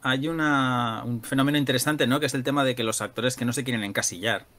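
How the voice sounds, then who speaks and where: Thoughtful, wry podcast co-host, man, mid pitch, crisp bright tone. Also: fast talker. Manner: dry wit, thoughtful asides. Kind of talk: casual chat about films.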